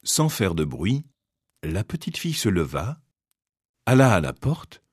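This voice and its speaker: Expressive male storyteller. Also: deep voice, a little slow, breathy edge, dry recording, clean studio sound. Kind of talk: fairy tale reading.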